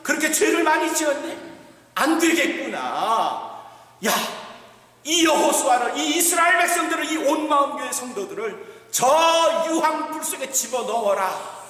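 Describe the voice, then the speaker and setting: A man's voice: extremely high pitch, lively intonation, moderate pace, a bit bright, recorded from a distance, pitched above the performer's own voice. A male pastor voicing God as a commanding judge who rebukes in a thundering way, recorded in an echoey church hall. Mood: condemning. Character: wrathful male God passing judgment.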